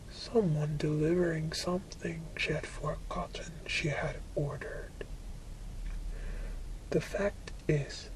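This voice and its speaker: A person reading a book aloud for ASMR in a soft, breathy whisper, with deliberate phrasing and frequent pauses. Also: medium pitch, a little hiss or hum, rough recording. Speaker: ASMR reader.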